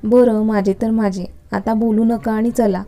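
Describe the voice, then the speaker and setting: A cheeky, playful young student girl with a teasing manner, read aloud by a woman. The tone is dark and mellow, kept flat and even. It sounds like a storybook reading. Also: fairly high pitch, unhurried.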